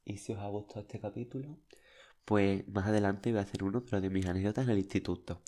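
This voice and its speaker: A man's voice: fairly low pitch, fairly even intonation, fast, mellow. A young man, telling childhood anecdotes in a chatty, flamboyant, dramatic way. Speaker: podcast host. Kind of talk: casual storytelling monologue.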